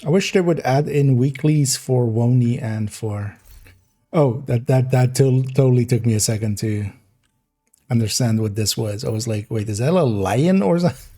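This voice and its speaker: A man gives loose, rambling commentary while he plays a game. His voice is mellow and soft-edged, and he giggles and restarts his sentences often. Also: medium pitch, moderate pace. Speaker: game streamer. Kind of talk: casual gameplay commentary.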